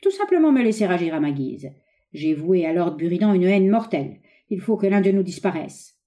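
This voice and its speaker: A woman's voice: on the low side, big pitch swings, brisk, warm tone. A woman doing a ruthless scheming young man. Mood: bitter.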